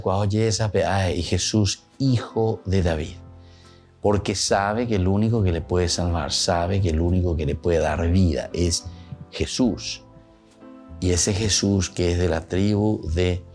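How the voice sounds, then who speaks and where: Paraguayan priest, really low voice, reflective homily, goes between spanish and guaraní, says things over and over. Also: male voice, a little mellow.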